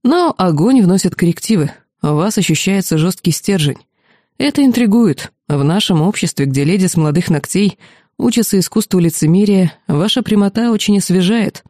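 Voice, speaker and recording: A courtly duke speaks in a calm, wry, faintly condescending tone, as a woman reads him in an audiobook, with a mellow, dark timbre. The sound is close and dry. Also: on the low side, moderate pace, dry recording. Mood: courteous. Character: suave, candid noble duke, adult man. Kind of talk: audiobook character reading.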